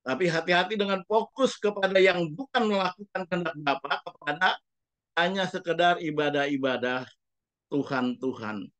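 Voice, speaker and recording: A man's voice: high-pitched, normal speed, fairly bright tone, no echo. A man preaching a sermon as a pastor, speaking emphatically and putting rhetorical questions to the congregation.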